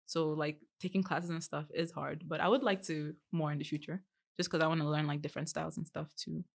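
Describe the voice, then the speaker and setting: This young woman, a podcast guest, chats casually in a low, steady, gravelly voice at a fairly quick pace. She laughs often and fills her speech with lots of "like."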